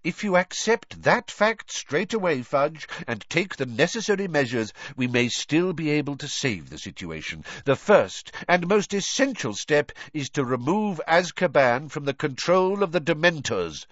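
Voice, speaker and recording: A man voicing a calm, authoritative, powerful elderly wizard with a cool, measured manner for an audiobook. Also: fairly high pitch, dry recording, highs cut off, voice pushed up. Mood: firm.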